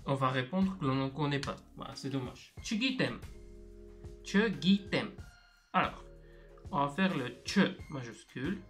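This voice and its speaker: A man's voice: mid-range voice, normal speed, fairly bright tone, faint music behind. A man teaching a video language lesson, explaining step by step and patiently repeating words for learners.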